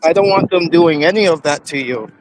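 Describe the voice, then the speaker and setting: Young guy streaming, high voice, rambly and halting, faint music behind. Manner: rambling, halting, many fillers. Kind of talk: casual stream chat.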